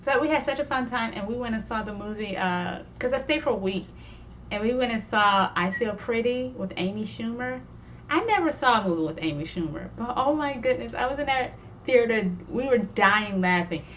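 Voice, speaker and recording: A young woman chatting casually about her sewing projects, digressive and quick to laugh. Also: fairly high pitch, animated, a bit bright, a little hiss or hum. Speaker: sewing vlogger. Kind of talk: casual chat.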